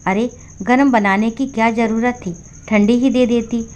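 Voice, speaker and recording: A woman voicing an elderly, meek mother who speaks softly and hesitantly in a storybook. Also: a little high, fairly even intonation, normal speed, close to an everyday voice. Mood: pleading. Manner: soft and hesitant. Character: elderly meek widowed mother, gentle and pleading.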